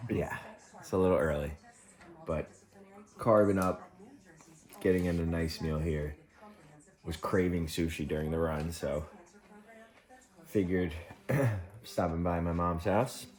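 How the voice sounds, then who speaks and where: Deep-voiced man vlogging over a meal. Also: fairly even intonation, measured pace, long pauses, a little mellow. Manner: upbeat, joking, chatty. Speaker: vlogger and ultrarunner. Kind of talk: casual vlog talk to camera. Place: mother's home, indoors, at a meal.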